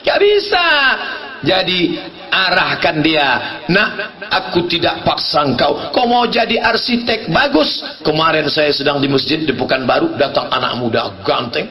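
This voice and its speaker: A middle-aged man giving a humorous sermon, telling lively stories and bursting into shouted punchlines. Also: fairly high pitch, moderate pace, some chatter behind. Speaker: preacher.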